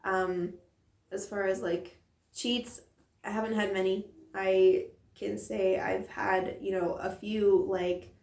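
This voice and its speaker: A mother talks slowly in a candid vlog, her medium-pitched voice fairly even, a bit mellow and marked by vocal fry, strained from a sore throat. She rambles earnestly with many fillers, and she's far from the mic in an echoey room.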